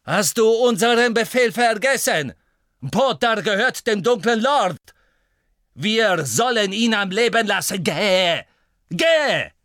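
A man reading an audiobook voices a cold, scornful male dark wizard, mocking and shouting orders. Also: high voice, animated, takes it slowly, no echo, studio quality, pitched above the performer's own voice, exaggerated voice. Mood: commanding. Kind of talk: audiobook character voice.

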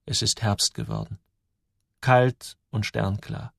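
Man narrating a story with lively pitch. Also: slow, creaky, breathy edge, dry recording, studio quality. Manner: lively, dramatic storytelling with sudden drops and rises. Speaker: audiobook narrator. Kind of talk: scripted narration.

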